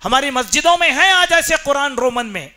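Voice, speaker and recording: A man's voice: extremely high pitch, lively intonation, sharp tone. A man giving a Friday sermon in a mosque, speaking emphatically and quizzing the congregation with rhetorical questions. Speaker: preacher.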